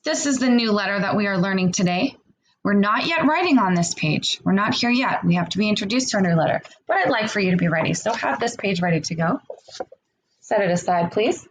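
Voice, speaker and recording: A woman teaching a remote phonics lesson to young children, enunciating deliberately, sounding out word parts separately and prompting with encouraging questions. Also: mid-range voice, animated, a little hiss or hum, low-quality recording.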